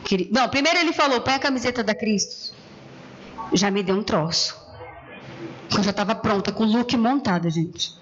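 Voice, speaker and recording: A woman pastor preaching a sermon in church, telling personal stories in a conversational, animated way. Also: medium pitch, normal speed, long pauses, muffled recording, background noise.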